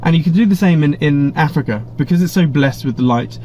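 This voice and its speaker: This English livestream host has a slightly high, darkish voice and a brisk pace as he reads viewer chat in a casual live Q&A. He chats and rambles, making blunt asides and restarting many times. Slight background noise accompanies the somewhat muffled stream audio from his webcam setup.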